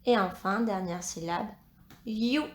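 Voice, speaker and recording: A woman teacher reading a dictation for young pupils, pronouncing each syllable and word slowly and carefully. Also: medium pitch. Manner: slow, carefully articulated dictation. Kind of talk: classroom dictation lesson. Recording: echoey room.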